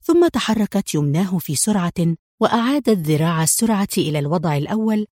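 A woman's voice: on the low side, husky, dry recording, studio quality. Woman narrating a dramatic audiobook. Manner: steady, dramatic storytelling.

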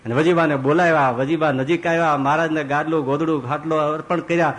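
A man with a somewhat high voice preaching a devotional sermon as a monk. He tells his stories with animation and swings his pitch up for emphasis as he builds each point. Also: fast talker, rough recording. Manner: animated storyteller who voices characters.

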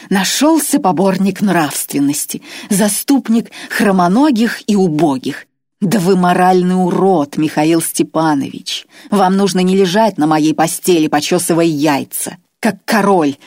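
A woman voicing a furious, self-righteous middle-aged woman writer who screeches scornful accusations in a raised, husky voice. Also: lowish voice, darkish tone, no echo, studio quality, voice pushed up.

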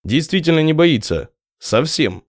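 A man narrating an audiobook in a lively storytelling manner. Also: fairly high pitch, unhurried, dry recording, clean studio sound. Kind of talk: scripted narration.

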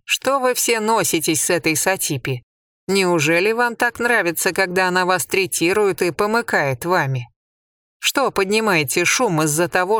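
A woman's voice: lowish voice, fairly bright tone, no echo, clean studio sound. A reader voicing a scornful old grandmother. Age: older. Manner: mocking, blunt. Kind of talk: audiobook character voice.

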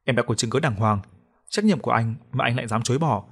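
A man's voice: mid-range voice, quick pace, a bit bright, breathy edge. A man voicing a cocky young village lad in an audio story, brash and cheeky, close to his own voice.

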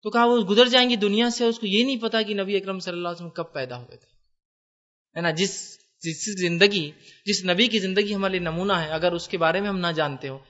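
A man's voice: high-pitched, fairly bright tone, lo-fi sound. A man giving a conversational religious lecture to students, asking them questions and mixing English words into his Urdu. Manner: conversational, asks the audience questions. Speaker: Islamic lecturer.

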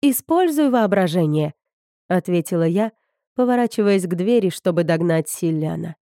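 Mellow-voiced woman reading a novel. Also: fairly low pitch, normal speed, dry recording, studio quality. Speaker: audiobook narrator. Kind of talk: scripted narration.

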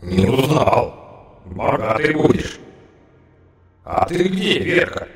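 A man's voice: medium pitch, very animated, slow, echoey room, long reverb tail, faint music behind, pitched above the performer's own voice. A man voicing a crude, foul-mouthed fellow with a nasal, bleating, goat-like voice in an audiobook. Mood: coarse mocking. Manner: coarse, mocking. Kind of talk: audiobook character voice.

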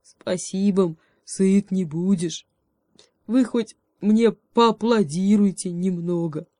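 A woman's voice: mid-range voice, takes it slowly, dark tone, no room sound, clean studio sound, lightly acted. A woman voicing a small, fussy, practical hedgehog who snorts as he talks. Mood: sulky.

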